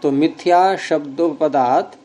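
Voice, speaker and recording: A man teaching a grammar class, explaining rules patiently, quizzing students with questions and teasing them gently. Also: a little high, slow pace, faint music behind.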